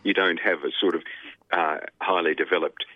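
An Australian man, a radio guest, telling his life story in a halting way with many pauses and fillers. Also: sits low, steady tone, no room sound. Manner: halting, many ums and uhs. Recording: dry tinny phone line.

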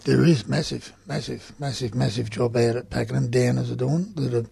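Australian male, heavily gravelly and husky, blunt colloquial storyteller for casual radio chat, close dry sound. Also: mid-range voice, brisk, warm tone, dry recording. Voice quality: gravelly, rough. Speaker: union organiser reporting on site visits. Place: community radio studio.

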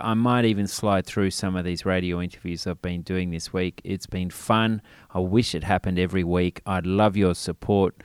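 A man hosts a radio podcast in a chatty, self-mocking way, asking listeners to put up with him. His fairly low voice still comes out thin and tinny with no bass. It was picked up by a laptop's built-in mic, and the sound is dry and close. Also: clean tone, no room sound. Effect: thin tinny sound with no bass, recorded through a laptop mic. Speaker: radio show host. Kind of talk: casual spoken intro to a podcast.

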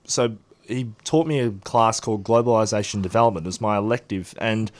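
A young Australian man in his twenties, appearing as a guest in a radio studio interview, tells long stories full of ums and restarts. His voice is lowish and he talks a little fast.

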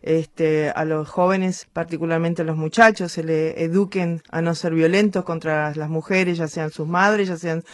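An older woman from Argentina, a radio guest speaking in a firm, measured way. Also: deep voice, fairly even intonation, no echo, studio quality.

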